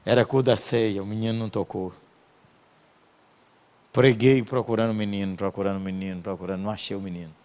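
An older man, preaching a storytelling sermon as a pastor, emotional, swinging between loud bursts and soft murmurs. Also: on the low side, steady tone, fast talker, long pauses.

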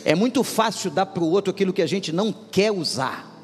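A man preaching with lively, joking energy and a slightly high voice, telling a story straight to his congregation. His words ring out with a long hall reverb. Music plays softly behind him. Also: brisk. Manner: animated, humorous, addresses congregation directly. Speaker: pastor. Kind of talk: storytelling sermon.

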